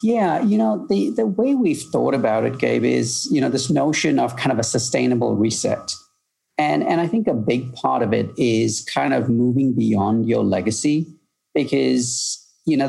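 A middle-aged man with a deeply gravelly, husky voice answers interview questions. He is measured and reflective and leans on "you know." He was born in Malaysia and grew up in the UK. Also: a little mellow, low-quality recording. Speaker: guest, future-of-work consultant.

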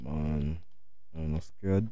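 A young man with a deep, mellow voice chats casually as a guest. He is slow and hesitant, leaning on street slang, and the sound is dry and close. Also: steady tone, no echo, highs cut off. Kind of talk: casual chat.

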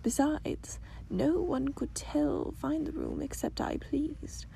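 A woman reading as a gentle ancient grandmother. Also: sits high, animated, slow pace, creaky, voice pushed up, heavily acted. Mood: tender. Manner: soft, hushed, half-whispered.

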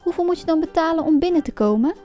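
A woman voicing Pinocchio, an eager wooden puppet boy, in a high, excited voice. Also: fast, faint music behind.

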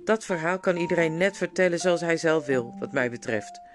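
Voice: mid-range voice, animated, normal speed, lightly acted. A reader voicing a bitter, angry dwarf. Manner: bitter, mocking, scolding. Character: angry grumbling male dwarf. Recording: guitar music playing underneath.

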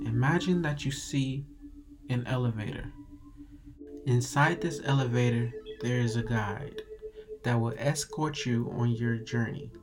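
Calm soothing guy doing a guided meditation, mid pitch voice, music playing behind him. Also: unhurried.

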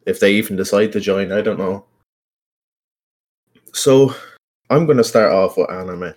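Low-pitched young Irish man, casual podcaster. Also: a little slow, a little mellow. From Ireland. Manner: informal, sweary, self-conscious rambling. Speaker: podcast host. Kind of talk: casual solo podcast chat.

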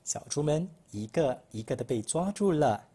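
A man from Malaysia narrating a children's picture book, expressive storytelling. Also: a little high, normal speed, breathy edge.

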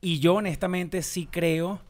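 A man's voice: high voice, fairly even intonation, measured pace. Joking man, light voice. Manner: playful, joking, acts out little scenes. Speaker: podcast co-host. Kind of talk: casual chat.

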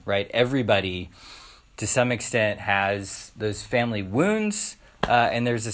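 A man's voice: medium pitch, a bit bright. A man preaching a casual, conversational sermon, full of filler words and rhetorical questions. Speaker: pastor.

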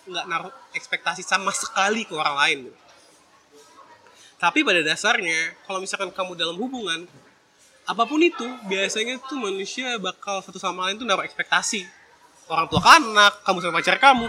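A man's voice: sits high, bright, forceful tone, a little hiss or hum. A man talking casually to his viewers, giving advice in a chatty, slangy way and slipping in English phrases.

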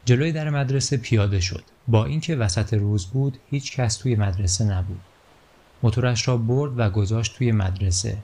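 Man reading a storybook, gravelly and dark. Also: lowish voice. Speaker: narrator.

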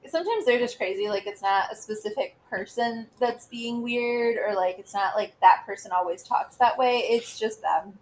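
A woman's voice: mid-range voice, moderate pace, hardly any pauses, slight background noise, low-quality recording. A woman in her thirties co-hosting a podcast in casual chat, rambling with lots of fillers and giggles. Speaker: podcast co-host.

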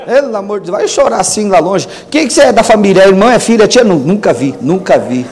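A Brazilian man preaching a sermon, telling the story with acted-out dialogue and building up to shouted lines. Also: high voice, animated, fast. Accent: Brazilian Portuguese.

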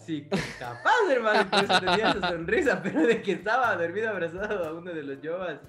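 A man's voice: sits high, animated, fast, fairly bright tone, roomy sound, faint music behind. A man with an Ecuadorian accent, hosting a podcast, telling a story in casual chat with a lot of swearing and mouth sound effects. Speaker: podcast host.

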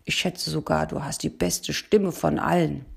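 A woman's voice: low voice, steady tone, measured pace, vocal fry, darkish tone, husky, full character voice. Woman doing a pleading, insistent bear. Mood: enthusiastic. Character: pleading, exasperated male bear, the donkey's friend.

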